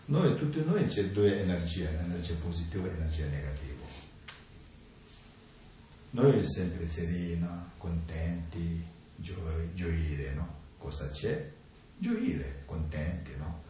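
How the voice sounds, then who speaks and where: Deep-voiced man, slow and halting, echoey. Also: expressive, warm tone. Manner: halting, simple non-native grammar, keeps adding "no?". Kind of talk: informal talk on mind and energy. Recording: echoey room, distant mic, faint noise.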